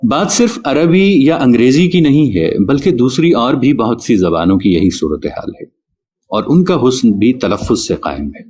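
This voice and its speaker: A man teaching a spoken lesson on correct pronunciation, explaining carefully and spelling out sounds slowly. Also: medium pitch, expressive, dark tone. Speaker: Urdu teacher.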